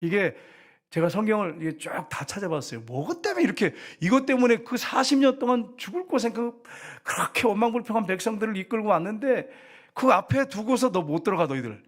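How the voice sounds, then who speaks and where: A middle-aged male pastor preaches in a church, speaking directly to his congregation. His voice sits a little high and rises and falls a great deal. He slips into quoted lines and acts them out. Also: expressive, a little fast. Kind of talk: sermon. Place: church sanctuary.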